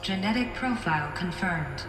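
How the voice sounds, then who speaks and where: A woman's voice: fairly low pitch, lively intonation, moderate pace. A woman voicing a glitching facility computer in a game that speaks in clipped, repetitive announcements. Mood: mechanical. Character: glitching female facility computer, flat and mechanical. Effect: glitching computer voice from a door system. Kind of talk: game dialogue. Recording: echoey game audio under music.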